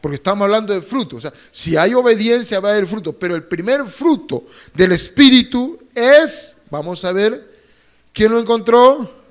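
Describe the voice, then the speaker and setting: A man's voice: high voice, animated, moderate pace. A pastor preaching a sermon to his congregation. He preaches with fervor, gets the congregation to repeat phrases after him and throws in joking asides. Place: church.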